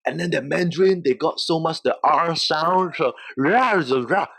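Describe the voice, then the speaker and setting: A professional wrestler from Hong Kong, a native Cantonese speaker with a Hong Kong accent, tells stories casually as an interview guest. His voice sits on the high side, gravelly yet a bit bright, at a moderate pace.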